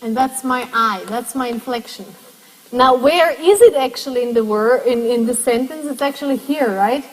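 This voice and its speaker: A university lecturer with a fairly high voice speaks at normal speed, working through her explanation step by step and asking the class questions. A long lecture-hall echo hangs over the recording.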